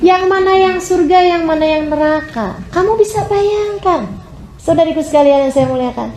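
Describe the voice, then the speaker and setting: Female preacher with a high, emphatic delivery who keeps addressing the women listening, recorded in a roomy space. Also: crowd noise, noisy background. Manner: emphatic, swings between high exclamations and low drawn-out phrases; addresses her listeners as sisters again and again. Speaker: Islamic preacher. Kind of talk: sermon.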